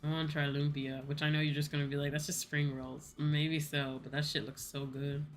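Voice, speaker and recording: A young woman hosting a VTuber livestream chats casually over background music, her deep voice fairly flat in pitch and a little fast. She sounds sleepy, rambling and playfully repeating herself.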